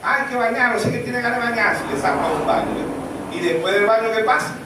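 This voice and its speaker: A man preaching a sermon as pastor, animated and full of rhetorical questions. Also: very high voice, a little fast, very noisy. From Venezuela. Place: church sanctuary. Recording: echoey church room, mic far off.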